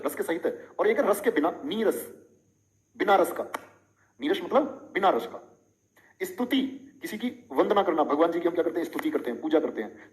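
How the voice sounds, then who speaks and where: A man's voice: high voice, low-quality recording. A middle-aged man teaching a live online Hindi lesson, chatty, explaining with playful examples and questions to his students.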